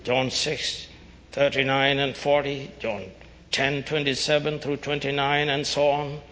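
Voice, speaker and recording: A man preaching a fire-and-brimstone sermon like a doomsday street preacher, with stern, urgent warnings and solemn, deliberate, emphatic phrasing. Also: mid-range voice, level tone, fairly bright tone. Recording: dull, noisy recording in reverberant hall.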